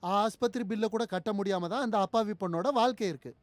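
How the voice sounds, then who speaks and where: An actor playing a bumbling, fearful police constable who stammers and talks nervously, from a dubbed film. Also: male voice, high voice, fast talker, no echo, close to an everyday voice. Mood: nervous chatter. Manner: nervous, stammering, eager to please.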